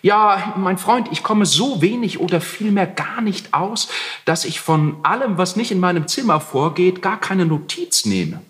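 A sly young tenant who meets his angry landlord with overdone politeness and ironic evasions, as a man reads him aloud in a literary reading. The voice sits raised above the reader's own and swings lively through each sentence. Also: high voice, a little slow, pitched above the performer's own voice, full character voice. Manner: exaggeratedly courteous, ironic.

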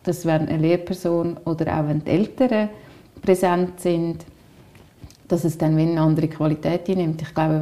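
Warm-voiced Swiss woman, thoughtful podcast talk. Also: low voice, creaky. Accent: Swiss German. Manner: thoughtful, repeats words while searching for them. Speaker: podcast co-host, school counselor. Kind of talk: reflective casual chat.

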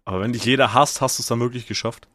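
A young man co-hosting a podcast in casual chat, teasing his friend with deadpan banter. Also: medium pitch, fast, dry recording. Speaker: podcast co-host.

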